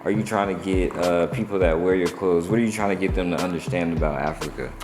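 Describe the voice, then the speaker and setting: A man hosting a casual interview, laid-back, who keeps tossing in short affirmations between questions. His voice is very deep. The room sounds echoey with a long reverb, and music plays clearly in the background. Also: fast talker.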